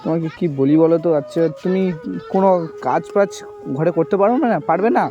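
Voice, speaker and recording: A man who talks to a young woman in a gentle, reassuring way and keeps asking "okay?". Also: on the high side, brisk. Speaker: charity video host. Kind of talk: staged outdoor conversation. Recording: dull lo-fi sound with music behind. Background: background music.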